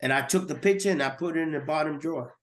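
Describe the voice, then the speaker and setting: A man's voice: a little high, fast. A man giving a personal testimony as a guest, earnest and repeating words as he goes.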